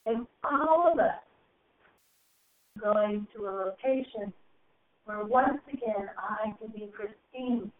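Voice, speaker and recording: A woman channeling a spiritual message to a group, speaking in slow, solemn, drawn-out phrases that swell and soar, heard over a phone call. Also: medium pitch. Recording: tinny phone line.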